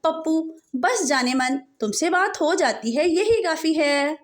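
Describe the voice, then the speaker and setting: High-voiced woman reading out jokes. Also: expressive, a little slow, noisy background. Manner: punchlines followed by canned laughter. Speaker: joke teller.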